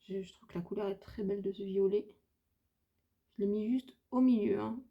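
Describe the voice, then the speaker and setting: A woman's voice: medium pitch, fairly even intonation, moderate pace, vocal fry, muffled recording. A woman from France chatting casually through a makeup tutorial, hesitant and thinking aloud with lots of fillers. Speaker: beauty vlogger.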